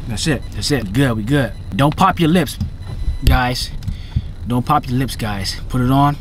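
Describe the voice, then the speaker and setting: A man's voice: medium pitch, measured pace. A young man vlogging casually to a handheld camera in a car, joking and laid-back. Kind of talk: casual vlog. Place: parked car and outdoors at a rental lot. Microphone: handheld camera at arm's length. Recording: noisy car and street ambience.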